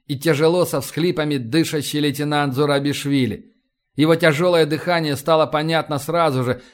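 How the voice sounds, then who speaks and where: A man narrating an audiobook in a steady, measured reading. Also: on the high side. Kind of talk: scripted narration.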